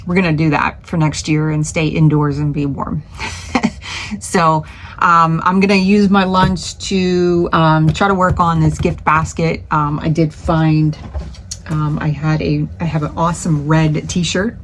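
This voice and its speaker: A middle-aged woman with a notably low voice talks through her week in a casual vlog. She rambles in a relaxed way, full of "um"s and restarted sentences, while working in her home craft studio. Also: a little slow. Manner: rambling, many fillers and restarts, chatty. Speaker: small craft business owner.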